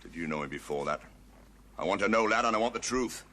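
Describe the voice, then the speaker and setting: An actor playing a stern middle-aged army sergeant in a period television drama, blunt and authoritative. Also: male voice, on the low side, animated, quick pace, pushed and bright, slight background noise. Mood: stern questioning.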